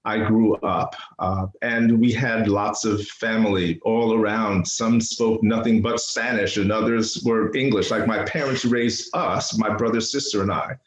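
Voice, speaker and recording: The speaker is an older man from New York City, an artist being interviewed on a podcast in a room with an echoing sound. His voice runs low with a steady tone and measured pace, and he rarely pauses. He recounts personal stories casually but with animation, often repeating phrases to stress them.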